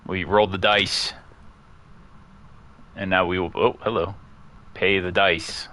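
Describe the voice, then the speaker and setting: A man giving casual let's-play commentary at home, chatty and quick to laugh, chatting about his cat as he plays. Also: deep voice, little pitch movement, sharp tone, slight background noise. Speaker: gaming streamer. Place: at home near a couch.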